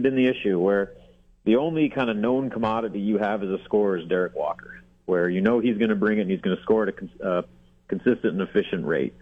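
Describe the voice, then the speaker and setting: Man on a tinny phone line. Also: lowish voice. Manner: relaxed, frequent fillers and restarts. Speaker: guest sports reporter. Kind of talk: casual radio chat. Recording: phone-line call-in audio.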